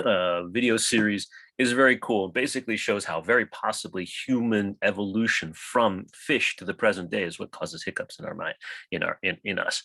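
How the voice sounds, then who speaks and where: A man giving a college science lecture, lively and chatty, often checking in with "right?" and asking his class questions. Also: on the low side, creaky, slightly rough, dry recording, poor audio. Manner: animated, rhetorical questions with frequent "right?". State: coughing, hiccups.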